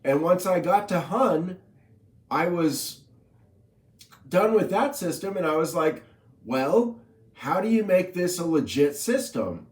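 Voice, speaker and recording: Male inventor-explainer with a slightly high voice, unhurried and teasing, runs through lists of made-up words, roomy echo. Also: lively intonation, darkish tone. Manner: playful, teasing; recites long lists of coined number words. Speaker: inventor explaining his number system. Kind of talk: casual spoken explainer.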